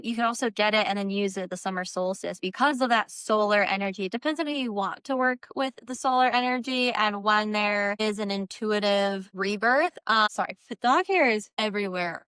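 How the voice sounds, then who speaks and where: A woman with a bright, very clear voice, recorded close and dry. She chats informally like a vlogger showing off handmade goods, wandering from thought to thought in an earnest, new-age manner with plenty of filler words. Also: medium pitch, no echo. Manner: informal, meandering, frequent "like" filler. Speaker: candle maker presenting own work. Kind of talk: casual rambling product vlog.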